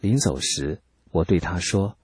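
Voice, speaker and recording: A man calmly reading a first-person account as scripted narration, measured and steady. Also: low-pitched, husky, dry recording. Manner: calm, measured storytelling.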